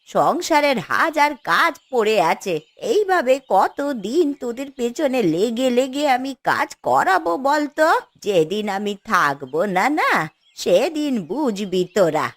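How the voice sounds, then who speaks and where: A woman's voice: fairly high pitch, big pitch swings, slow pace, no echo, exaggerated voice. Woman doing a grumbling old village grandma. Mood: scolding. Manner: scolding, grumbling, sighing. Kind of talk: cartoon voice acting.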